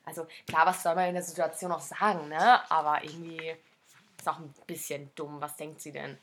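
A young woman chats loosely on a podcast, in a fairly low voice. She rambles and slips into slang. She acts out quoted lines as she goes. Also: steady tone, a little fast, a little hiss or hum. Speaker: podcast co-host. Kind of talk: casual book-discussion chat.

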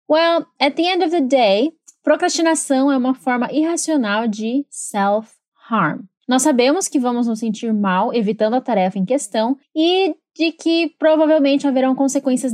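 A woman hosting a bilingual English lesson, reading English lines slowly and clearly and explaining them in quick Portuguese. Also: high voice, a little mellow, no room sound, studio quality. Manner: switches between slow careful English and fast Portuguese. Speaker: English teacher and podcast host.

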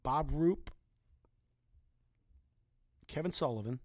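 A talkative man in his forties spins loose, casual stories from years back. His voice sits a touch high for a man, and it sounds close and dry, with no room echo. He drifts from one aside to the next and swears now and then. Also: animated, slow pace. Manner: chatty, conversational, with mild swearing. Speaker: storyteller. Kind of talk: casual anecdotal storytelling.

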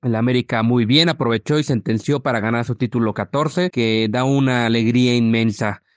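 A man with a hoarse, gravelly voice giving match commentary as a contributor to a fan show. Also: mid-range voice, steady tone, a little fast, no echo.

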